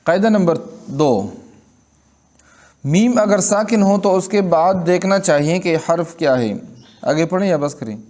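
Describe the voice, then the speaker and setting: A man from Pakistan with a somewhat high voice teaches a recitation lesson. He explains tajweed rules patiently, repeats words to demonstrate them, and keeps checking in with his students. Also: expressive, long pauses, darkish tone.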